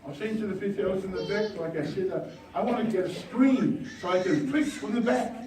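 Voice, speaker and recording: A high-voiced pastor, a native Samoan speaker, preaches a fairly quick revival sermon with bilingual asides in a church hall. He alternates quiet remarks with rousing shouted exhortations to the congregation, sounding distant from the microphone in a ringing echo over steady background noise.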